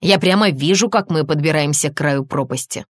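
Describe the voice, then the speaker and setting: Woman reading a worried grumbling police boss guy, raised louder voice, dry sound. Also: low-pitched, fairly quick, no echo. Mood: anxious.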